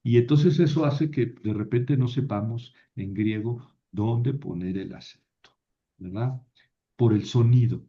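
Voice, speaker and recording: A male teacher walks a class through grammar at an unhurried pace. He explains patiently, often pausing to check that his students are following. The recording is dull and lo-fi, with a middling voice that sits neither high nor low. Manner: slow, patient explaining with frequent "¿verdad?" checks. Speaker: Biblical Greek teacher. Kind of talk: classroom lecture.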